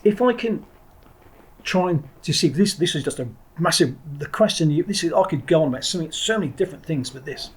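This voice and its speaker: This podcast guest is a middle-aged man from England who used to train Marines, and he reflects on his past in an interview. His voice sits on the high side, brisk and expressive, with some breathiness. Blunt and prone to digressions, he keeps restarting sentences and swears now and then.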